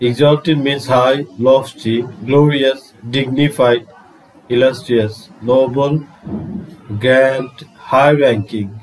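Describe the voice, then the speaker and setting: A man with a Bangladeshi accent gives a vocabulary lesson at a very slow, patient pace. He drags out each word and repeats it for his students. His voice sits at a middling pitch, with a faint hiss in the background. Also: steady tone, low-quality recording. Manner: drawn-out pronunciation drills, repeating words. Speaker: English teacher.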